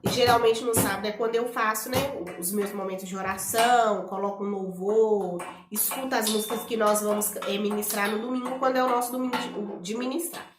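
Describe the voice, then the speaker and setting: A woman with a Minas Gerais accent, telling a family story to camera in a chatty, animated way with many fillers. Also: medium pitch, a little fast, few pauses, roomy sound, music in the background. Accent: Minas Gerais Portuguese. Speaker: vlogger and mother.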